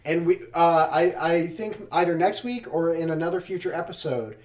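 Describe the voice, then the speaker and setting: A man's voice: on the high side, normal speed, a little mellow, echoey room. A young man co-hosting a podcast, chatting casually and reading out joke sponsor plugs. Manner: jokey, mock-announcer asides. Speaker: podcast co-host. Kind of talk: casual chat.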